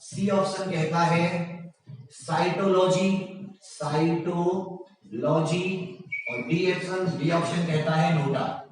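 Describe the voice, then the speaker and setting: A man teaching a general science class online, reading out quiz options slowly and praising his students often. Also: a little high, fairly even intonation, heavy reverb, big-room sound, far from the mic, low-quality recording.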